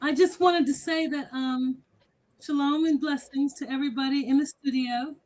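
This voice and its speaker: A woman from Pittsburgh, Pennsylvania, calls in to a livestream. Her voice is high, and she talks politely and hesitantly, often pausing with fillers. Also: steady tone, darkish tone, poor audio. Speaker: caller. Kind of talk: casual call-in chat.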